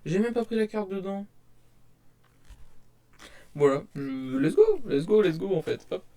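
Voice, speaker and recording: Young male vlogger at a desk webcam, slightly high voice, rambling and hesitant, shy. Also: very animated, measured pace, vocal fry, warm tone. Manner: rambling, hesitant, many fillers and restarts; self-described shy. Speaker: manga collector showing purchases. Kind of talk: casual haul vlog to camera. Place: at home at a desk.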